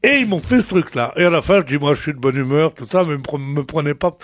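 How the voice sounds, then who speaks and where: Older man telling a lively, boastful story. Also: on the high side, fast. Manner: colorful, boastful storytelling, acting out the others' lines. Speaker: regular panelist telling a story. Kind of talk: animated anecdote on a radio talk show.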